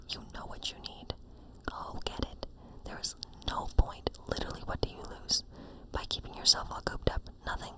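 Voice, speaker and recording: In a poorly recorded ASMR role play, a woman breathily whispers as a friendly witch giving a tarot reading. She's casual and encouraging, and she tends to ramble.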